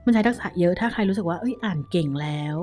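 Mellow-voiced Thai woman teaching Korean. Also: medium pitch, racing, soft background music. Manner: lively, coaxing, drills words syllable by syllable. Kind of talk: casual video lesson.

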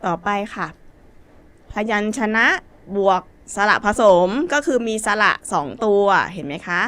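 Thai lady teacher, slow and patient, spells english words letter by letter. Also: medium pitch, expressive, pushed and bright. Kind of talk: basic English lesson.

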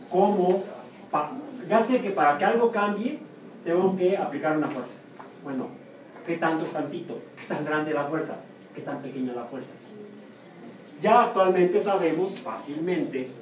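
A man with a Mexican Spanish accent, a university professor giving a classroom lecture, who puts questions to the class and answers them himself. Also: a little high. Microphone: room or camera mic from a distance. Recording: echoey classroom, far from the mic, noisy.

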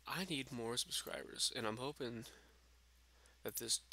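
Bright and forceful, this mid-range voice belongs to a drunk young man swearing and drifting from topic to topic at a measured pace in his gaming vlog. He records the voice-over on a stand-in microphone while capturing his screen.

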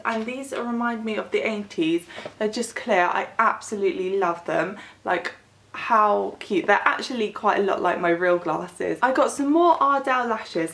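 A young British woman vlogs in a casual, chatty way, her tired voice starting to give out with a creaky edge. She is recorded in a roomy bedroom with some echo and faint noise behind her. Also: mid-range voice, a bit bright. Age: 20s. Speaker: vlogger. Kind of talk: casual chatty shopping haul. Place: bedroom, indoors. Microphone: camera a short distance away.

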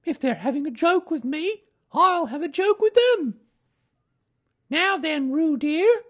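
A storybook reader voicing a brisk, motherly female kangaroo who soothes and scolds in a singsong manner. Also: high-pitched, lively intonation, fairly bright tone, pitched above the performer's own voice, heavily acted. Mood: brisk, playful.

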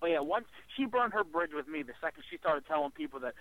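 A man chimes in quickly and emphatically on a talk show. His voice is slightly high, with a gravelly rasp, and the sound is dry and close. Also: sing-song, a bit bright, dry recording, poor audio. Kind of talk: casual radio talk.

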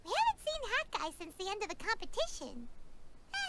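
A tiny, bubbly companion creature chirps through a video game scene in an extremely high, sing-song voice that leaps all over. The game audio carries heavy noise underneath. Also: female voice, a little fast, heavily acted. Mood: upbeat. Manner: chirpy, excitable, high-pitched.

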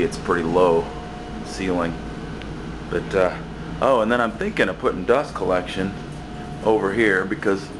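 A building maintenance worker with a very low voice gives a relaxed, unscripted walkaround tour of his cluttered basement shop, holding the camera while staying off screen. He rambles, backtracks and fills pauses with "uh" and "um." A steady air conditioning hum sits clearly behind him in the noisy basement.

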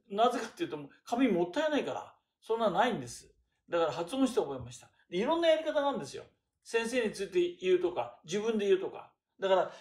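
An older man giving a chatty lecture on classical texts, asking rhetorical questions and pausing with fillers. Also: high-pitched, a little mellow. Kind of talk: casual lecture. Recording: roomy echo.

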